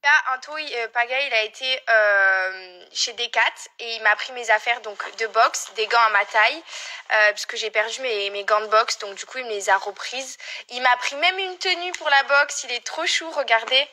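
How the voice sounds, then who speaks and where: A woman's voice: on the high side, normal speed, pushed and bright. A young woman vlogging casually to camera, gushing and chatty.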